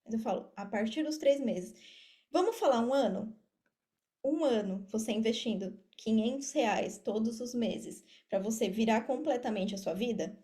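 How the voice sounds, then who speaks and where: A woman with a Brazilian Portuguese accent, an affiliate marketer guesting on a podcast, explains things casually and repeats phrases for emphasis. Her voice sits on the high side with a dark tone, at a moderate pace.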